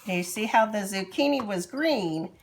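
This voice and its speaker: A woman teacher giving a slow, patient cooking demonstration for young children in a kitchen. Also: medium pitch, expressive, creaky, reverberant, a little hiss or hum. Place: kitchen with running water.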